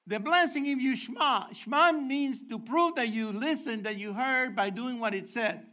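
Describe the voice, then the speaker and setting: A man's voice: very high voice, measured pace, bright, forceful tone. An older man teaching a sermon, explaining Hebrew words with emphatic bursts. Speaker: Messianic teacher.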